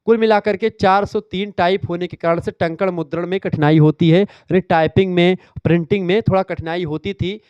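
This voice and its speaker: A man's voice: sits high, fairly even intonation, brisk, hardly any pauses, a little mellow, clean tone, no room sound, dull audio. A man teaching an exam revision lecture, explaining step by step, repeating key terms and quizzing his students.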